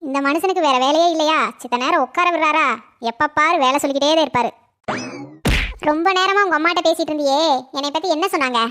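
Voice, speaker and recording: A woman's voice: sits high, fast, fairly bright tone. A woman voicing a scheming older mother-in-law in a cartoon comedy, prying and sly. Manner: coaxing, then prying and sly.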